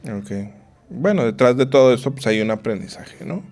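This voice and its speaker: A man's voice: medium pitch, lively intonation, moderate pace, a little mellow. Podcast host man, short affirmations. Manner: listens with short affirmations and follow-up questions. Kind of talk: casual interview.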